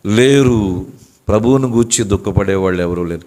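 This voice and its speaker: A man preaching an Easter sermon as pastor, slow and emphatic, repeating his phrases. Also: medium pitch, animated.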